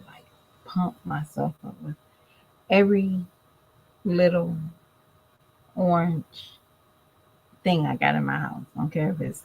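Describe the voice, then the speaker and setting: A tired, congested woman vlogger chats casually to camera, speaking directly to her viewers. Her deep voice has vocal fry, a darkish tone and a breathy edge, and the recording is rough.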